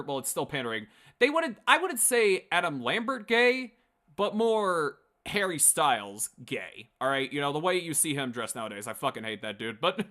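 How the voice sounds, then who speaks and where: This livestream host is a man whose voice runs high with a sharp edge. Casual and rambling, he shares blunt fan opinions with his live chat and swears often.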